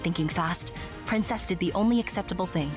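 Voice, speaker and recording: A woman with a fairly low, brisk voice that sounds close to everyday speech plays a small, proud winged secret agent. She narrates an audio drama with earnest, expressive, self-important storytelling, sounding proud and excited. Music plays behind her.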